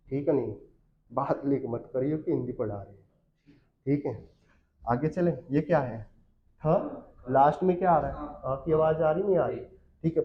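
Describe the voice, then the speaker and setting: A male teacher giving an exam-prep grammar lesson, asking questions and answering them himself. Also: on the high side. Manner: asks and answers his own questions, repeats lists. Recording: muffled lo-fi audio.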